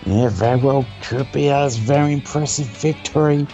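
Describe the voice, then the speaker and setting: A man's voice: mid-range voice, normal speed, warm tone, highs cut off, soft background music. A man working as a wrestling co-commentator, informally describing the moves and backing up the calls.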